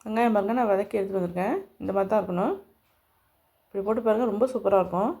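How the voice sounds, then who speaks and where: Her voice is mid-range, gravelly and mellow, and she speaks very fast as she hosts a home cooking demonstration. Addressing viewers directly, this cooking channel host gives homely, step-by-step instructions.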